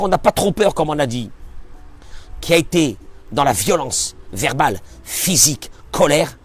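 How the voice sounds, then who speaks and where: A man, a rabbi, giving a spoken Torah lesson, emphatic, asking and answering his own questions, swinging from near-shouts to hushed asides. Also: mid-range voice, husky. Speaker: rabbi teaching a Torah class.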